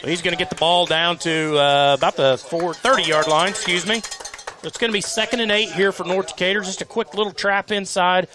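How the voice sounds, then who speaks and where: A man giving color commentary on a high school football game in a folksy, chatty way with homespun sayings. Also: steady tone, a little fast. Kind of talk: live sports commentary.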